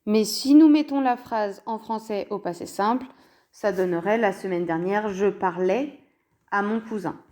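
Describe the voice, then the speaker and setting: Woman, teacher, language lesson, slow careful delivery, mellow tone, repeats forms. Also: mid-range voice. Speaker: Spanish teacher. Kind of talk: language lesson explained in French.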